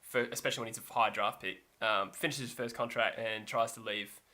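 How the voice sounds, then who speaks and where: A man with a lowish, fairly even voice speaks briskly, his delivery pushed and bright. He co-hosts a sports podcast, keeping the talk loose and rambling, often correcting himself and laughing freely.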